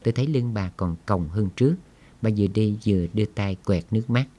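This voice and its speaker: A man reading a story aloud in a slow, somber storytelling manner. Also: on the low side, mellow. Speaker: audiobook narrator.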